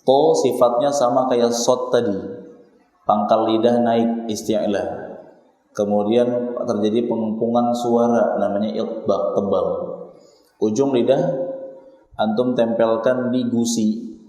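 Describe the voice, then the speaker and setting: An Indonesian man teaching Quran recitation, drilling syllables slowly and repeating each sound for his students. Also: medium pitch, steady tone, warm tone. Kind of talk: tajwid lesson with slow demonstrated recitation. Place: small prayer room. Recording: echoey, long reverb hall sound.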